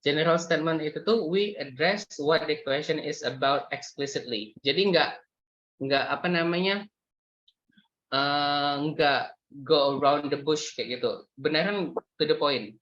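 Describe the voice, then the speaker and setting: A man's voice: a little high, measured pace, fairly bright tone, lo-fi sound. A man explaining exam speaking skills in a workshop lecture, mixing English terms into his talk with frequent fillers and hesitations. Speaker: IELTS speaking tutor.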